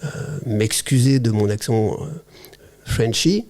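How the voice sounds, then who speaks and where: A man with a soft, mellow tone and mid-range pitch, talking as a guest on an interview podcast. He speaks in a halting, searching way, pausing on fillers and restarting phrases. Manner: hesitant, halting, many fillers. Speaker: podcast guest, teacher-researcher. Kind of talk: casual conversational interview.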